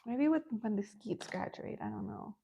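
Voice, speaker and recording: A woman's voice: fairly high pitch, lively intonation, normal speed, warm tone, a little hiss or hum. A middle-aged woman from Ecuador chatting casually as a livestream host, answering comments while coloring, often laughing and rambling.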